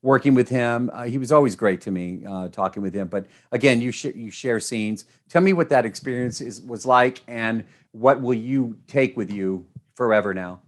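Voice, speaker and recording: A man interviewing in a chatty, effusive and energetic way, with choppy bursts of questions. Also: medium pitch. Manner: effusive, energetic, choppy fast-starting delivery. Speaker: entertainment interviewer.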